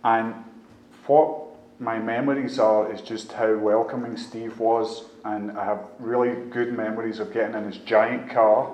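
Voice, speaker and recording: A man in his fifties from just outside Glasgow shares his personal story at a recovery meeting in a Scottish accent, plain-spoken and conversational. His voice is fairly low and a little mellow, with a level tone and measured pace. The room echoes, with faint background noise.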